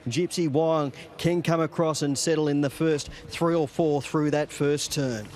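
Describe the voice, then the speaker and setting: Higher-pitched Australian male betting tipster. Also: steady tone, a little slow, a little mellow. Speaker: racing tipster and co-commentator. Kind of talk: betting tipster's greyhound race preview.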